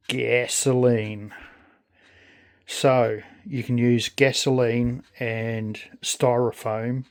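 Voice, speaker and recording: A man talks through a casual hands-on demonstration. His voice sits at a medium pitch, and he speaks very slowly, in a halting, friendly way. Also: darkish tone. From New Zealand. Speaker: video creator.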